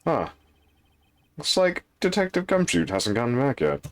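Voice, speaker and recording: A man's voice: mid-range voice, unhurried. A man streaming, reading a game's lines aloud and joking with his co-players. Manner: relaxed, joking between read lines. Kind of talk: casual voice acting stream.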